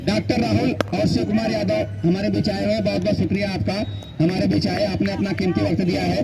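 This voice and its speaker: A man giving excited live cricket commentary, repeating phrases for emphasis. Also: high-pitched, fairly quick, over a noisy crowd.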